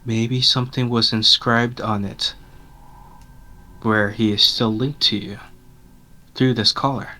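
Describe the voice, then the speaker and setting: A man's voice: mid-range voice, steady tone, slow pace, pauses often, pushed and bright. A man playing a tabletop game with friends, casual and chatty. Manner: speaks in character in quotes. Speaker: player.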